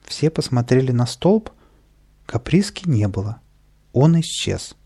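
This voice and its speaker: A man narrating a children's storybook at a steady, even pace. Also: mid-range voice, measured pace, breathy edge. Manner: steady and even-paced, with lively voiced dialogue. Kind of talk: storybook reading.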